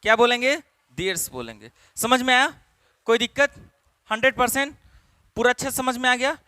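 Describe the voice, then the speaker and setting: A man teaching an English grammar class in Hindi, repeating questions to drill his students and stretching key words slowly. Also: very high voice, animated, pushed and bright, no room sound.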